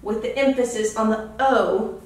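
A woman's voice: on the high side, normal speed. A woman in her thirties hosting a casual beer vlog at home, swearing freely and rambling. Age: 30s. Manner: profane and rambling, loud whoops. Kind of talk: casual chat. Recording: echoey room from far off.

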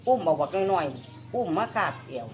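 An older woman with an Isan accent, surrounded by reporters outdoors, tells the story of a dream, wandering and repeating herself as she goes. She speaks at a moderate pace in a deep, sing-song voice.

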